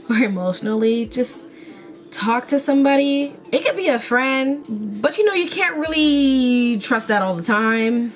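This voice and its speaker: A young woman talking casually to camera in a video diary at home, retelling stories in a chatty, joking way with quoted voices. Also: medium pitch. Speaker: beauty vlogger. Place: indoors at home.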